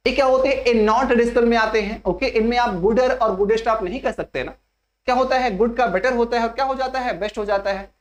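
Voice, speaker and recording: A woman with a fairly high voice is teaching a grammar lesson in an exam coaching class. She lays out each point step by step and repeats it slowly. She keeps asking her students rhetorical questions to keep them with her. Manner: slow and repetitive, spelling out each step. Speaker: English teacher.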